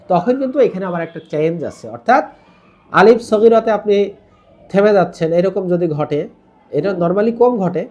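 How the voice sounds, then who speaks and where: Heard through a muffled recording, a man with a high-pitched, slightly mellow voice teaches tajweed online as a Quran teacher from Bangladesh. He explains rules patiently, stretches out vowels to show Arabic pronunciation, and slips in English words.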